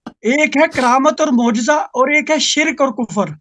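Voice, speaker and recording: A man's voice: very high-pitched, pushed and bright. A man in a heated religious debate who talks dismissively and lectures, often cutting in over the other speaker. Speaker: debate opponent.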